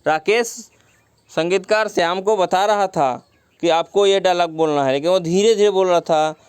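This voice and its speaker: A man with a high-pitched, smooth voice at a moderate pace teaches a story lesson, with no echo in the recording. He retells each line and glosses words with simple synonyms, mixing English words into his explanation.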